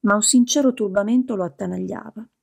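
Gravelly-voiced woman reading an audiobook. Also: medium pitch, a little fast. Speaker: audiobook reader. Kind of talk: scripted narration.

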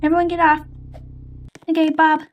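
A young woman with a very high-pitched voice plays out an improvised game story. Her lines are simple and a little hesitant. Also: completely flat delivery, normal speed, dull audio. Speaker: gaming video co-host, playing story characters. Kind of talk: improvised story role-play while gaming.

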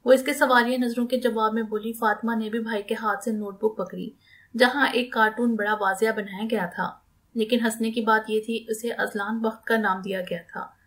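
A woman reading a romantic novel aloud as a scripted audiobook, steady and even. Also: fairly high pitch, normal speed. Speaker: narrator.

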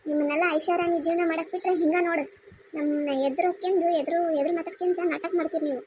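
A woman's voice: very high-pitched, steady tone, quick pace, a little mellow, a little hiss or hum. A woman voicing a bossy, strict village mother-in-law with a North Karnataka Kannada accent, scolding and commanding. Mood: angry.

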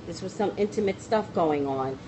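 In a small indoor room with a plain wall behind her, a middle-aged woman chats on her psychic livestream, filmed by a phone at arm's length. Her talk is casual and rambling, often trailing off and restarting; her voice is on the low side at normal speed, with background noise.

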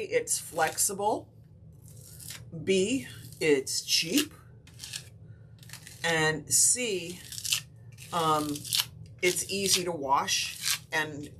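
Woman, craft instructor, live demo, unhurried, chatty, hiccuping, faint background hiss. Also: sits low. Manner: relaxed, chatty, explains step by step with many fillers.

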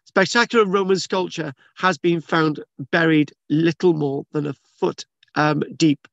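A man's voice: fairly high pitch, steady tone, a little slow, gravelly, fairly bright tone, no room sound, lo-fi sound. A man reading news articles aloud and commenting in a rambling, casual way, with many restarts and fillers. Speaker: channel host reading and discussing archaeology news. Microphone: video call screen share.

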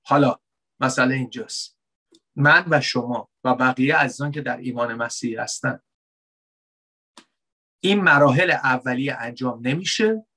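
A man preaching a conversational sermon, asking rhetorical questions and dropping into soft, wry asides. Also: medium pitch, pauses often. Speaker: pastor.

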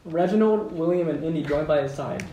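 Around a wooden table in a room at home, a man reads stage directions as narrator for an amateur table read, plainly and a little amused. His slightly high voice is warm and a little fast. He sits away from the mic, so the recording sounds roomy and distant, with faint background noise.

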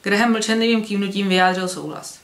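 A woman reading a fantasy novel aloud, in steady narration with the odd slip. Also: medium pitch. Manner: steady narration with occasional slips. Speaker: book vlogger. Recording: roomy echo.

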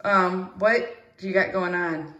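A young mother at home, patiently and gently asking her small child questions. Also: fairly low pitch, fairly even intonation, a little slow. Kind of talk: casual chat with a young child. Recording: echoey room.

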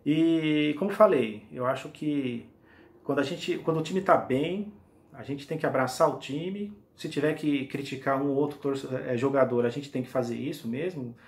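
A man in his forties from Brazil talks straight to the camera about his team's goals. He is eager and rambling, with lots of restarts and "right?" tags, and his voice sits at an ordinary middle pitch. He is recorded in a small indoor room by a camera at desk distance. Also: normal speed. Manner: enthusiastic, rambling with many restarts and tag questions. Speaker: football fan vlogger. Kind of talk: casual fan commentary to camera.

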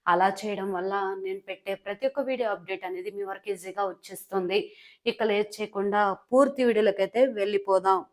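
A woman narrating a recap of a TV serial episode in a steady retelling style. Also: mid-range voice, brisk. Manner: steady retelling with frequent connective phrases.

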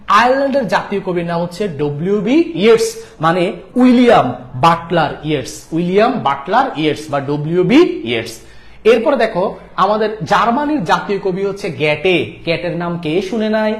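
Man, high voice, repetitive drilling lecture, echoey room. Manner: repetitive, drilling key facts. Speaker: teacher. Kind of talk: exam-prep lecture.

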